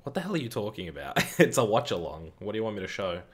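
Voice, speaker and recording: A man with a fairly low voice hosts a live football watch-along stream. He talks casually, answers viewers' comments and reacts loudly to the play. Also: sing-song, quick pace, creaky.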